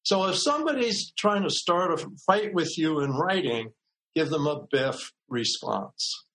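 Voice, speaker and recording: An older man with a somewhat raised pitch tells a story at an easy, unhurried pace. He is a lawyer and mediator speaking as a podcast guest. He acts out the voices of people he quotes. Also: poor audio. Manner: relaxed anecdotal telling, acts out quoted voices.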